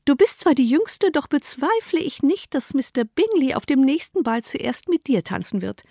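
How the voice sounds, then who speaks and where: A fussy mother in a storybook reading, excitable and quick to exclaim, as a woman reader puts her on. The voice jumps high and lands loud on its outbursts. It is recorded close and dry, with no room sound. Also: no echo. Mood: gushing. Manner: shrill, exclamatory, high-strung. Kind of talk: audiobook character voice.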